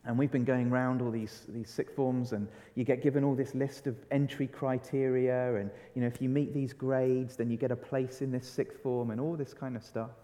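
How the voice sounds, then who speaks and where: A man's voice: medium pitch, little pitch movement, normal speed, few pauses, dark tone. A middle-aged man preaching a sermon in a conversational way, often putting questions to the congregation. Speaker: pastor. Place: church. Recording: long church reverb.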